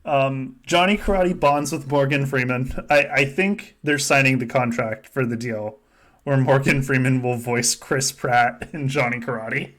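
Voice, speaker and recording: A man with a medium-pitched, steady, slightly bright voice hosts a podcast at a moderate pace, running a simulated game among friends. He gives joking play-by-play and swears freely.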